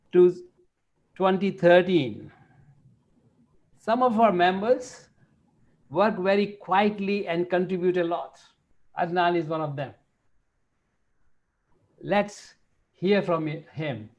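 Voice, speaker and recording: Slow, high-voiced man making announcements. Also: muffled recording. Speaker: club president. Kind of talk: meeting announcements.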